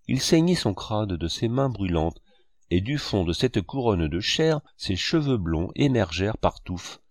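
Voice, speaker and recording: A man narrating a French novel in a measured literary reading. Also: fairly low pitch, big pitch swings, a little mellow, no room sound, clean studio sound.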